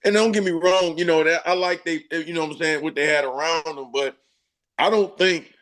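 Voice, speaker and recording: A man's voice: fairly high pitch, fairly quick, fairly bright tone. A man guesting on a sports talk show, a former football player speaking in emphatic, slangy casual chat with laughing asides.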